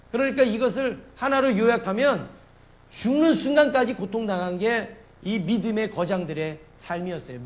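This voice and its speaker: A male pastor preaching a Sunday sermon, emphatic, asking the congregation questions and answering them himself. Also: high-pitched.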